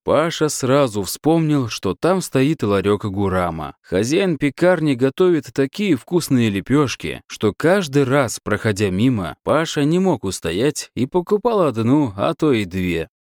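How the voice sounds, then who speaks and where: A man narrating a story in an expressive, wry way. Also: medium pitch, a little slow, hardly any pauses, no room sound, clean studio sound. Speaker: audiobook narrator.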